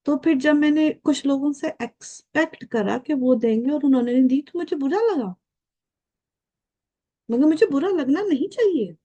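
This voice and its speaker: An older woman in her late fifties speaks as a guest with an earnest, reflective manner. Her voice is warm and mellow and sits somewhat high. She keeps turning to the viewers with questions and slips English phrases into her talk. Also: normal speed, lo-fi sound. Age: 50s.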